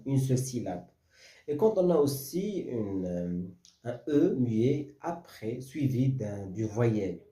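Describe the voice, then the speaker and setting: A man's voice: medium pitch, mellow, echoey room. A man teaching French verse, explaining step by step with many fillers and restarts, often checking whether the class follows.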